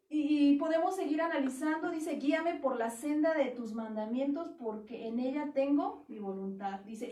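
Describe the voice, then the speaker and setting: Woman pastor, high mellow voice, emphatic sermon delivery, echoey church, distant mic. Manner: earnest, emphatic teaching, quotes scripture aloud.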